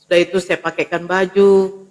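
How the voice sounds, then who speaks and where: A woman's voice: on the low side, level tone, normal speed, darkish tone, big-room sound. A woman giving a personal testimony, retelling events vividly and acting out her family's words. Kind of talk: emotional personal storytelling.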